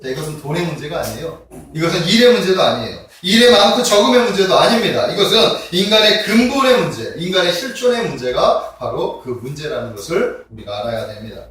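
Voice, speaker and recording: A man's voice: fairly high pitch, very animated, fast, fairly bright tone. A male pastor giving a conversational sermon and often checking in with the congregation. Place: church sanctuary. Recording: echoey church hall recorded from far off.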